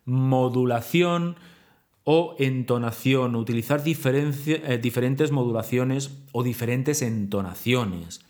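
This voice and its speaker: A man teaches public speaking in a video lesson, speaking directly to the listener and posing rhetorical questions that he then answers himself. To demonstrate technique, he deliberately stretches his pauses and exaggerates his wide intonation swings. His voice is medium-pitched and a little mellow.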